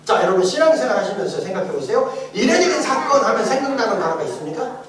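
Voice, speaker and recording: A middle-aged man, a pastor teaching his congregation, quizzing them with jokes and laughter, then building to emphatic shouted refrains. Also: sits high, big pitch swings, quick pace, crowd noise. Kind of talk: interactive sermon teaching. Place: large church hall with congregation. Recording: echoey hall, distant mic, congregation audible.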